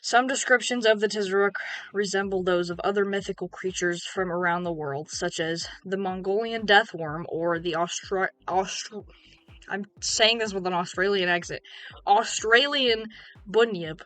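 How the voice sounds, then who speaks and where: Faint background music accompanies this young YouTube host as she casually reads an article aloud, stumbling with ums and restarts. She speaks at a moderate pace in a medium-pitched, slightly bright voice, with no room sound.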